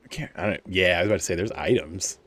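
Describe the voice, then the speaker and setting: A man's voice: low voice, fast, fairly bright tone. A man giving casual, joking commentary while playing a video game, talking to himself and swearing at enemies.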